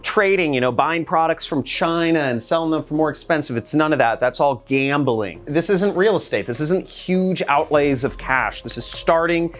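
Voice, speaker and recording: A man giving a conversational, persuasive sales pitch straight to the viewer, full of rhetorical questions. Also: normal speed, few pauses. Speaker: ad presenter. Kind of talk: direct-to-camera sales pitch.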